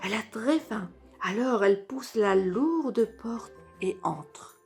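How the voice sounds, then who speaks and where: A woman reading a children's story aloud as a storyteller, slow and clearly paced. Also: medium pitch, lively intonation, darkish tone, soft background music.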